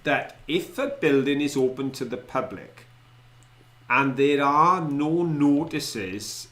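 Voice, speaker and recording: Man, middle-aged, South Wales Valleys accent. Casual online co-host, mid-pitched voice, recorded in a roomy space. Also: slow, sharp tone. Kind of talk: casual chat with viewers. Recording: roomy, echoey indoor sound.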